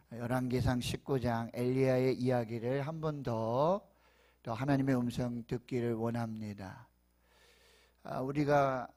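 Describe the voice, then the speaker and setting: Slow-paced male pastor, lisping through missing front teeth. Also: medium pitch, a little mellow. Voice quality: slightly lisped, airy articulation from missing front teeth. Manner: deliberate, emphatic phrasing with pauses. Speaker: pastor preaching a Sunday sermon. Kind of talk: Korean church sermon with prayer.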